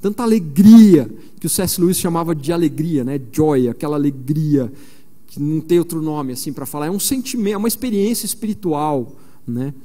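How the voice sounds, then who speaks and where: A man's voice: a little high, lively intonation, fairly quick, mellow. A man in his forties from São Paulo, preaching at a missionary conference in a chatty storytelling way, full of fillers. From São Paulo, Brazil. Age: 40s. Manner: conversational storytelling with frequent fillers. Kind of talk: conference sermon. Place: large church. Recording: long reverb of a large church hall.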